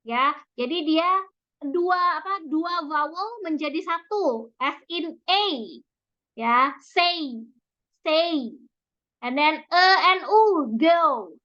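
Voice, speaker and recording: A woman with an Indonesian accent giving a pronunciation lecture, explaining slowly and repeating each example word, in a dull lo-fi recording. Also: high-pitched, pushed and bright. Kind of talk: recorded online lecture mixing Indonesian and English.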